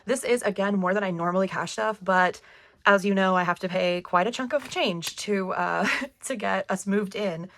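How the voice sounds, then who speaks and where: A woman in her thirties chats to camera about budgeting at a moderate pace, her medium-pitched voice fairly bright though she's losing it. Her manner is chatty and upbeat, with plenty of laughter.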